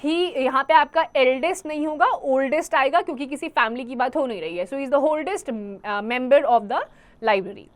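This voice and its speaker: A woman teacher with an Indian English accent giving a grammar lesson to school students, reading English rules slowly and explaining them quickly in Hindi. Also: high voice.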